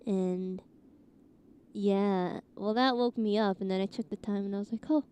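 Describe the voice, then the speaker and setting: A woman's voice: medium pitch, fairly even intonation, a little slow, dark tone, clear, resonant tone. A woman streamer chatting casually in a scratchy morning voice, rambling with lots of fillers and laughs. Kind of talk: casual chat.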